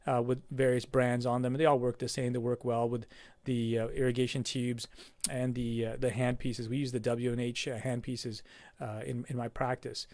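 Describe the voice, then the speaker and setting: A man's voice: medium pitch, little pitch movement, normal speed, darkish tone, dry recording. A man, a dentist, talking casually through a slide review of an implant kit, with lots of fillers and restarts.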